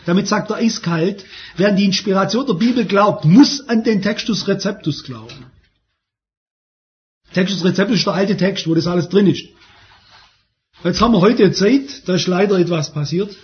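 A man's voice: high voice, animated, normal speed. A man preaching a sermon, emphatic and repeating phrases for stress. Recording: dull lo-fi sermon recording.

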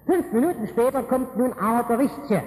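A man with a high voice delivers a sermon in a lively, colloquial storytelling style, throwing in humorous slangy asides. His voice rings out in a large room with a long reverb. A faint ambient noise sits underneath. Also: brisk. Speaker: preacher.

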